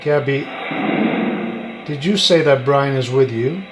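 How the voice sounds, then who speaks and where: A man hosting a paranormal session, putting short, deliberate questions to a spirit with long pauses between them. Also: medium pitch, noisy background. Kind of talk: slow, pausing questions addressed to a spirit.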